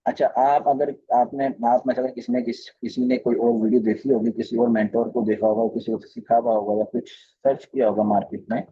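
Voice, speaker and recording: A man's voice: mid-range voice, level tone, brisk, few pauses, lo-fi sound, a little hiss or hum. A man teaching a recorded live class on chart reading, speaking with a flavour and often repeating phrases and putting questions to his students. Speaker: trading course teacher.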